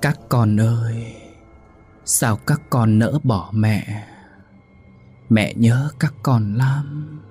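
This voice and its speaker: A man voicing the ghost of an old mother who calls out slowly in a hoarse, broken voice, pleading and reproachful. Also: medium pitch, a little mellow, in a large hall, soft background music, full character voice. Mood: mournful pleading. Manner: slow, mournful, reproachful calling.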